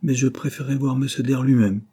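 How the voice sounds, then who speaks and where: A man's voice: mid-range voice, fairly even intonation, quick pace, mellow, breathy edge, pitched above the performer's own voice, close to an everyday voice. A man voicing a tearful, pleading young mother. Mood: polite.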